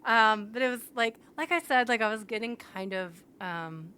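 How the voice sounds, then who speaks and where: A woman's voice: fairly high pitch, moderate pace, pushed and bright, smooth. A young woman co-hosting a podcast, animatedly retelling a book plot in casual chat, sprinkling in "like" constantly. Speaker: podcast co-host.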